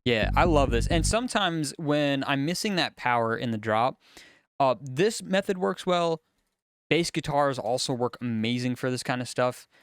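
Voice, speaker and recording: A man talks through his studio session in an easygoing, chatty way, explaining each step as he works. His voice is smooth and clean at a middle pitch. The sound is close and dry, with no room echo. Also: a bit bright. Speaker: music producer. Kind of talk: casual studio tutorial. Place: music studio.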